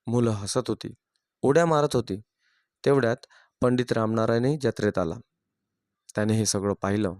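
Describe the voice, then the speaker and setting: A male storyteller reads a moral story aloud in a steady, plain delivery. His voice sits at an ordinary middle pitch. The recording is dry and close, with no room echo. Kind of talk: scripted story narration.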